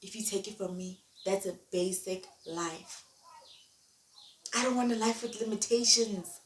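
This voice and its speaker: A woman's voice: mid-range voice, measured pace. A young woman giving a motivational monologue, talking emphatically and repeating her key phrases. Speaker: vlogger. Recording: echoey room, distant mic, faint noise.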